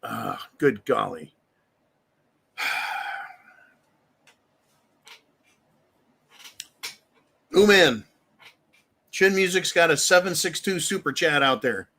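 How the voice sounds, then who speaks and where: This livestream host's voice is fairly high, gravelly and slightly rough, pushed and bright, very animated yet very slow with frequent pauses. He rants bluntly and profanely in casual commentary, acting out the voices of the people he mentions.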